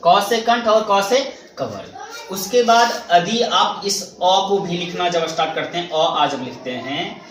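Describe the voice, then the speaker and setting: A man's voice: high voice, fairly bright tone. A male teacher giving a classroom grammar lesson, repeating each point and asking questions back to the class. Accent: Hindi. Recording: echoey room, mic far off, faint noise.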